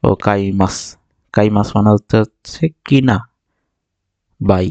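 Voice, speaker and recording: A man from Bangladesh teaching vocabulary, explaining patiently and repeating each word slowly for learners. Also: on the low side, warm tone, no echo, lo-fi sound. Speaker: Japanese language teacher. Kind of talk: vocabulary lesson narration.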